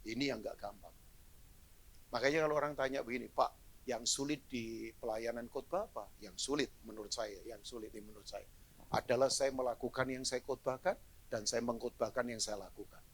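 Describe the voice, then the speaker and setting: A middle-aged man preaching a live sermon as pastor to a church congregation, animated and joking, dropping to low asides then rising to loud exclamations. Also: brisk, breathy edge. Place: church hall, in front of a congregation.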